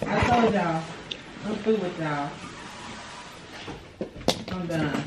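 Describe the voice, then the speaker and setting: A woman's voice: on the low side, slow. A woman bantering with friends, joking and complaining dramatically. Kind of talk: casual banter. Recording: echoey, far from mic, loud noise.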